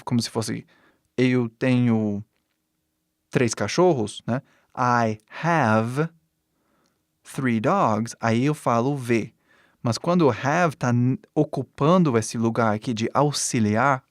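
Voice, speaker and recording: Slow, patient man teaching in Portuguese. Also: medium pitch, no echo, studio quality. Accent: English-speaking accent in Portuguese. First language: English. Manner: patient, explains slowly with many "né?" checks. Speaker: English teacher. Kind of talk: online language lesson.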